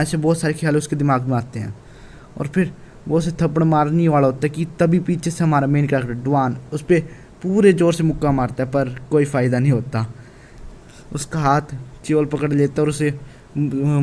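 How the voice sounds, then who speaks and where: Brisk and steady, this man's voice sits on the high side but has a darkish tone. He narrates a casual recap of a manhwa chapter, frequently restarting sentences and leaning on fillers.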